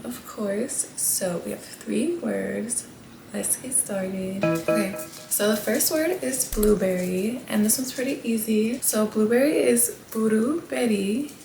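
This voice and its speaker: A woman's voice: mid-range voice, vocal fry. A woman vlogger recording a voiceover, patiently repeating words for viewers to learn. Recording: roomy voiceover with faint hiss.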